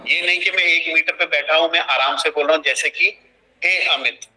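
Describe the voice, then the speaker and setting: Young guy walking a team thru a task on a call, real bright voice, keeps repeating steps. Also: on the high side, steady tone, quick pace, rough recording. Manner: explanatory, repeats and restates instructions. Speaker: online trainer. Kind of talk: live screen-share training session.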